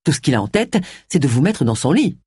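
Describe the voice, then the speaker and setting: A woman's voice: sits low, sing-song, brisk, dark tone, breathy edge, dry recording, studio quality, full character voice. A woman reading a storybook who voices a proud, prickly retired male police inspector, speaking stiffly and indignantly.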